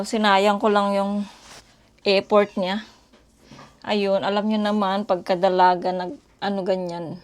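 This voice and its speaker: A middle-aged woman from the Philippines, chatting casually and rambling to her viewers as she tells stories at home. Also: medium pitch. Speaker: vlogger. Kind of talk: casual storytelling chat to viewers. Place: home in Korea.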